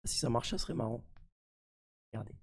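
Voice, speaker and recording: A man with a husky, gravelly voice, sick, giving casual live commentary as a mischievous streamer. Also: mid-range voice, lively intonation, fairly quick. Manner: mischievous, trolling his community. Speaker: streamer presenting a crypto NFT project.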